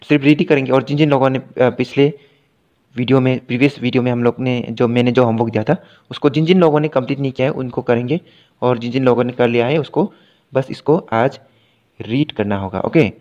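A man teaching an English grammar class, explaining patiently and repetitively, checking in often and reading English examples slowly before translating them. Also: medium pitch, darkish tone, lo-fi sound. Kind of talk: recorded class lesson.

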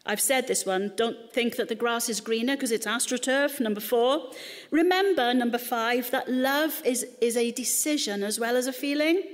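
A middle-aged Welsh woman gives a sermon talk to a church congregation, chatty, humorous and conversational. Her voice is a little high for a woman, her pace moderate, and the long reverb of a hall lingers on each word.

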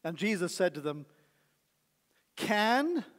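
High-voiced pastor preaching in a reverberant hall. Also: male voice, expressive, unhurried. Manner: conversational preaching with rhetorical questions. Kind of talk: sermon. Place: church sanctuary. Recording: long church hall reverb.

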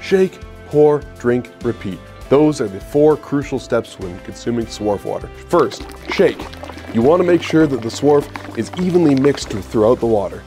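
A man playing an earnest spokesman selling a fake health product in a parody infomercial, with a smooth salesman delivery. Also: medium pitch, lively intonation, moderate pace, mellow, faint music behind, natural voice.

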